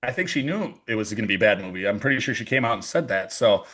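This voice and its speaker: A man's voice: on the low side, lively intonation, fast, a bit bright. Joking, rambling podcast host, a man. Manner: rambling, joking, restarts often. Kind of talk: casual podcast chat.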